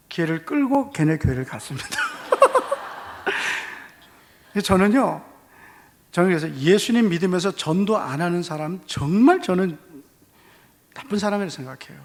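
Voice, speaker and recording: Bright, high-voiced male preacher with a Gyeongsang accent, acts out dialogue as he tells a story, church reverb. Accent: Gyeongsang Korean. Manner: animated storytelling, acting out dialogue. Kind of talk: testimony sermon. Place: church hall.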